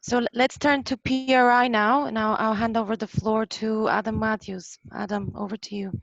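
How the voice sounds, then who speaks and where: A woman moderates a panel over a video call, her audio dull and dry. Her voice sits fairly high, and she hands over the floor in a polite, brisk manner. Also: fairly even intonation, vocal fry, fairly bright tone, no room sound. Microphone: computer mic on a video call.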